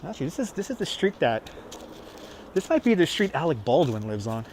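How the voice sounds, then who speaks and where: This middle-aged Brooklyn man has a voice on the high side: sing-song, brisk, and a little mellow. He chats through a casual outdoor live stream while walking Manhattan's busy streets, reading viewers' comments aloud, answering them, and repeating himself. City ambience and traffic noise surround him.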